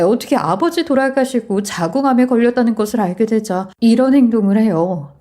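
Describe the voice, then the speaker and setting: A woman reading a scripted first-person story in a calm, confiding way. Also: fairly high pitch.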